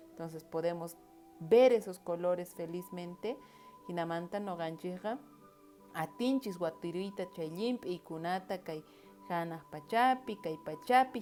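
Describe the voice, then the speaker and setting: A woman from Bolivia, teaching a vocabulary lesson and repeating each word slowly for learners. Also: lowish voice, warm tone.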